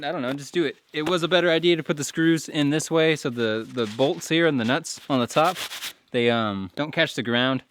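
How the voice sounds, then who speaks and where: A man's voice: on the high side, fairly bright tone, a little hiss or hum. A man vlogging outdoors in the snow, rambling and upbeat with lots of fillers, out of breath from the cold. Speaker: vlogger, audio engineer. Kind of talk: casual outdoor vlog.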